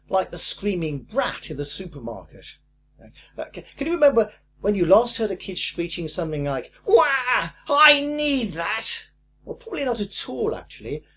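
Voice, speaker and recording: An older man teaching a recorded course lesson in a lively, emphatic way with a husky voice. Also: sits high, normal speed. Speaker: course instructor.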